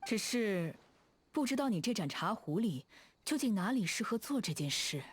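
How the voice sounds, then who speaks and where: A woman with a medium-pitched, sing-song, slightly rough voice speaks at normal speed as a proud, aloof immortal adept in a video game line. She sounds lofty, composed and playful, referring to herself in archaic terms, with background music behind her.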